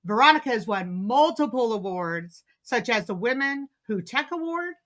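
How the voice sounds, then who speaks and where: Female podcast host, bright tone, eager and chatty with lots of "uh"s. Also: on the high side, expressive, moderate pace. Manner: enthusiastic, many fillers and restarts. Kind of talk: podcast interview.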